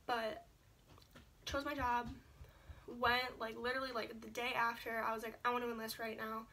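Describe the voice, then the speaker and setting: Chatty young woman with a gravelly voice. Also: a little high, little pitch movement, moderate pace, bright, forceful tone, a little hiss or hum. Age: young adult. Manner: chatty, lots of "like" and filler. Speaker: vlogger. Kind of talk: casual sit-down story to camera. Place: indoors at home, seated. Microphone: camera set a little far away.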